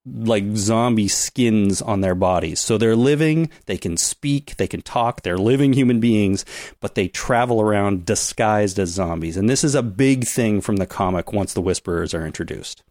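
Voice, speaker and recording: A man's voice: lowish voice, moderate pace, darkish tone, no room sound, clean studio sound. A man co-hosting a casual podcast, explaining things at length and giving spoiler warnings. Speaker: podcast co-host.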